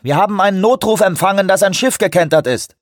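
A man's voice: sits high, fast, no echo, studio quality, pitched above the performer's own voice. A man reading an audiobook, voicing a brusque, irritated cruise ship officer who answers over a two-way radio. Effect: heard over a two-way radio.

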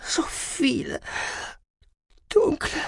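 A man voicing a frail alien girl in a trance who croaks and cries out in panic, in an audiobook reading. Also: very high voice, wildly swooping pitch, drawn-out words, dry recording, clean studio sound, voice pushed up, heavily acted. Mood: delirious.

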